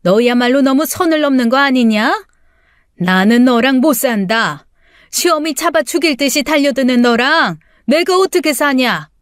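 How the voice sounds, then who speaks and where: A woman's voice: a little high, lively intonation, measured pace, no echo, clean studio sound. A woman doing a scheming old mother-in-law. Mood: scolding. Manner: coaxing, dismissive, scolding. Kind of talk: audiobook character voice.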